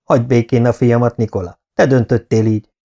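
A man's voice: mid-range voice, level tone, warm tone, highs cut off, natural voice. A sneering, bitter Saxon lord, read by a man. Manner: sneering and defiant.

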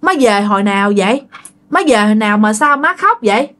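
A woman voicing a frightened fifteen-year-old country girl who asks rapid, bewildered questions. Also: medium pitch, expressive, a bit bright, natural voice.

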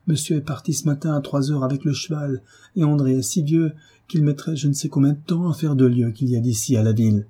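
A man's voice: on the high side, fairly even intonation, fairly quick, dark tone, breathy edge, voice pushed up. A man voicing a panicked female servant, fretful and pleading, in a storybook reading. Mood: anxious.

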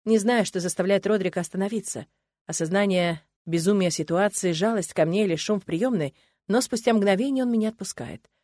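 A woman reading first-person fiction aloud in a steady, expressive storytelling manner. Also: medium pitch, brisk, dry recording, clean studio sound. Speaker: audiobook narrator. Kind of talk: first-person audiobook narration.

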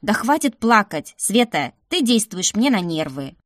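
A woman voicing a stern, sharp-tongued old grandmother who grumbles and scolds, in an audiobook reading. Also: medium pitch, sing-song, a little slow, dry recording, studio quality. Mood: scolding.

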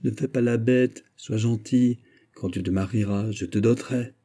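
A man with a husky voice voicing a lecherous noble prince who teases and coaxes, mocking and pushy, in an audiobook story. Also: medium pitch, steady tone, moderate pace, mellow, close to an everyday voice. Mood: smug, coaxing. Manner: smug, coaxing, teasing.

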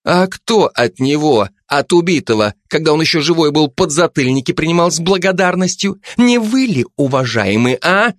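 A man voicing a brash, domineering female police investigator with a loud, scolding manner in an audiobook. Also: fairly high pitch, animated, normal speed, few pauses, no echo, clean studio sound, voice pushed up, lightly acted. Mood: bossy. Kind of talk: audiobook character voice.

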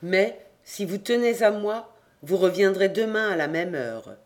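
An audiobook reader voicing a dead young man risen from his grave, who speaks in a loud, urgent and commanding voice. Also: medium pitch, lively intonation, unhurried, lightly acted. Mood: grave insistence.

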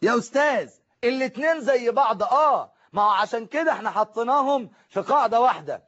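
With an expressive, high, somewhat bright voice and Egyptian accent, a male Arabic teacher runs an exam-prep grammar drill. He poses questions and answers them himself, has students repeat forms, and spells out word patterns very slowly, drawing them out. Audio is dull and lo-fi.

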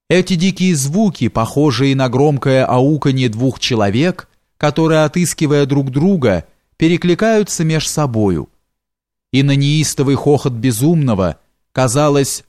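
A man narrating a literary audiobook in a measured, expressive storytelling manner. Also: medium pitch, no echo, clean studio sound.

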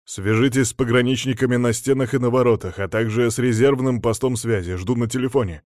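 A man reading an audiobook voices a gruff, displeased field marshal who barks brusque orders. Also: fairly low pitch, normal speed, a little mellow, no echo, studio quality, lightly acted. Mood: barking orders. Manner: brusque, bossy, irritated.

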